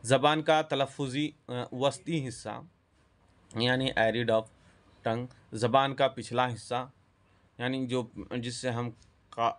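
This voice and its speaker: A man giving a spoken lesson on speech sounds, pausing often, correcting himself and dropping in English terms. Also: mid-range voice, steady tone. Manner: halting, self-correcting, mixes English terms. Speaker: teacher. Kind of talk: spoken lecture on phonetics.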